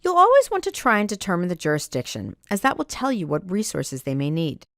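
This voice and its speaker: A woman giving a scripted training narration for librarians, reading do's and don'ts in a measured, instructional way. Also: lowish voice, huge pitch swings, a bit bright, no echo, studio quality.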